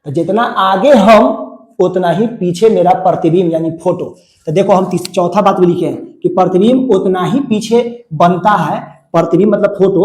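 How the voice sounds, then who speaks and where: A man with a Bihari accent gives a classroom physics lesson, his voice high yet mellow in tone. He drills each point over and over, asking questions and answering them himself. The sound carries the echo of a bare room. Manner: repetitive, questioning students then answering himself. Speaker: physics teacher. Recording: echoey room.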